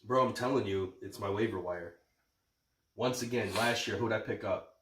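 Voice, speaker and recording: A man's voice: lowish voice, moderate pace, background noise. A man with a congested, blocked-nose voice in casual, boastful, sweary sports banter as a podcast host. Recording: echoey room, distant from mic.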